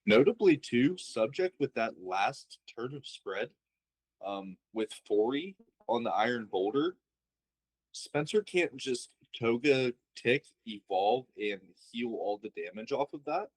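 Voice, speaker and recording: A man's voice: medium pitch, expressive, slow pace, breathy edge, rough recording. A man commentating on a card game match, thinking aloud and asking analytical questions about the plays.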